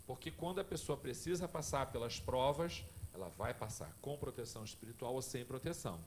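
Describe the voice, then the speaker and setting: Animated male lecturer, lively pitch. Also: a little fast, a little hiss or hum. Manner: lively, conversational, addresses the audience directly. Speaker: lecturer at a spiritist family course. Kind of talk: lecture with personal anecdotes.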